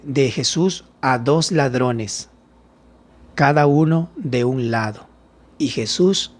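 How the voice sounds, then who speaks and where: A man's voice: medium pitch, a little mellow. Man teaching a Bible lesson. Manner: reads scripture aloud then explains it, asking questions. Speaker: pastor.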